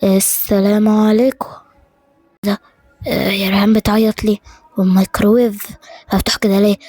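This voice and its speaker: A woman voicing a puzzled young man with an Egyptian accent, asking questions in a low voice. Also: little pitch movement, fairly quick, warm tone, no room sound, faint music behind, lightly acted.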